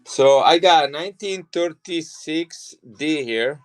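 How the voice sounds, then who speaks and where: This coin seller, an Italian man on a live stream, speaks in a slightly high voice and takes his time over soft background music. His casual sales talk is chatty and rambling, and he keeps restarting.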